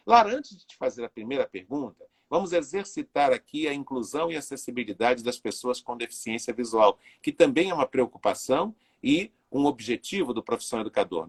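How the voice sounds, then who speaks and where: A man in his sixties hosting a live video interview, chatty and full of fillers as he greets viewers. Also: medium pitch. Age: 60s. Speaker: interviewer and live show host.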